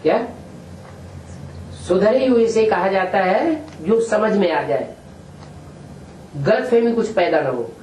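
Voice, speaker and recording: A man's voice: sits high, expressive, slow pace, pauses often, a little mellow. A man giving a question-and-answer spiritual discourse, explaining with examples and asking the listeners rhetorical questions. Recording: roomy room from a distant mic, faint noise.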